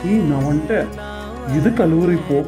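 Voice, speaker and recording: A man's voice: a little high, lively intonation, brisk, over music, natural voice. A man voicing a caring, protective young husband in a cartoon serial, speaking in a coaxing way.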